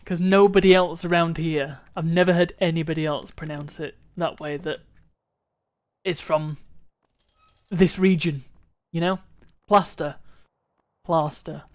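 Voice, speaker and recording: A man's voice: a little high, steady tone, unhurried. A man chatting casually on a live stream while gaming, musing aloud and wandering between thoughts. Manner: rambling, musing aloud with restarts and chuckles.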